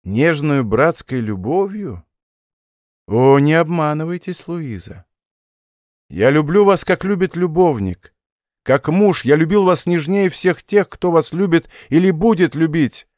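A man voicing a heartbroken young nobleman who speaks slowly and gravely in an audiobook. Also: a little high, expressive, a little mellow, no echo, studio quality. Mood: bitter. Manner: slow, grave, bitterly measured speech. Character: young nobleman, bitter and heartbroken yet gallant.

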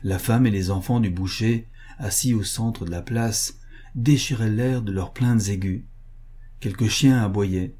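A man narrating a classic story in a measured, even way. His voice sits low with a dark, mellow color and a slightly husky grain. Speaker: audiobook narrator. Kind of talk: scripted literary narration.

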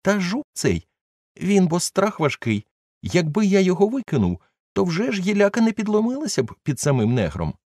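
Fearful old manservant, thin high voice, dry close mic. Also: male voice, wildly swooping pitch, moderate pace, a little mellow, dry recording, full character voice. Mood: plaintive. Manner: plaintive, pleading, high squeaky voice. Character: fearful old male servant climbing a tree.

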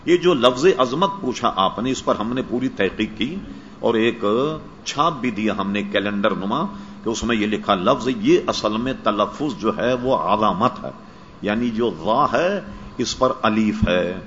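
A man's voice: on the low side, lively intonation, fairly bright tone. A male religious scholar patiently explains in a question-and-answer session. He stops to check that his listeners understand and carefully corrects pronunciation. It is a dull, lo-fi archive recording with a faint hiss behind him.

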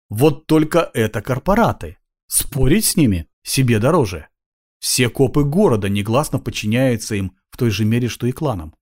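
A man narrating an audiobook in a lively, ironic storytelling manner. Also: medium pitch.

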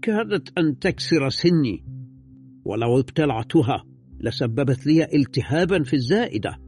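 A man's voice: medium pitch, expressive, gravelly, warm tone, soft background music, voice pushed up. A man playing a blustering old colonel. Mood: indignant. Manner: slow indignant exclamations. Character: blustering elderly male colonel host.

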